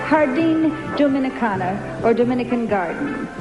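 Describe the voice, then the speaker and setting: A woman's voice: a little high, expressive, moderate pace, muffled recording. A woman co-hosting a pageant broadcast, chatty and addressing the viewers directly. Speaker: co-host. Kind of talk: friendly broadcast presenting. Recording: echoey 1970s TV broadcast with music.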